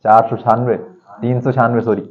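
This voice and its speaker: A man's voice: mid-range voice, flat delivery, fairly quick, narrow, tinny audio. Male maths teacher, talking in a classroom, teasing and counting out sums aloud. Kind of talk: classroom lecture.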